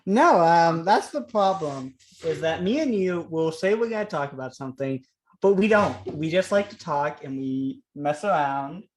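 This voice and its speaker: A man's voice: a little high, animated, normal speed, slight background noise. A young man co-hosting a casual podcast, trading dry, teasing banter with his friend. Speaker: podcast co-host. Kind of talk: casual chat.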